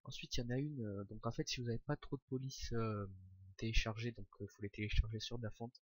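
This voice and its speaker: A young man walks through a software tutorial in a loose, informal way, pausing often with fillers as he searches for the next step. His voice sits at an ordinary middle pitch. The recording is dry and close, with no room sound. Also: dry recording. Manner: hesitant, many "euh" fillers, relaxed and informal. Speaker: tutorial maker.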